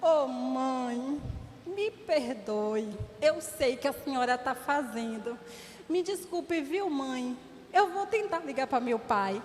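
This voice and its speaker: A woman's voice: high-pitched, expressive, takes it slowly, long reverb tail, a little hiss or hum. A woman voicing her crying ten-year-old son as he begs forgiveness during a sermon story. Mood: tearful pleading. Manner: crying, pleading softly. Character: ten-year-old boy, tearful and apologetic.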